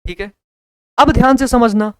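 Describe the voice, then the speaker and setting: High-voiced chatty Hindi teacher man. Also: normal speed, clear, resonant tone, no room sound. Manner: chatty, repeats questions to students, jokes. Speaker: biology teacher. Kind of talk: casual classroom lecture.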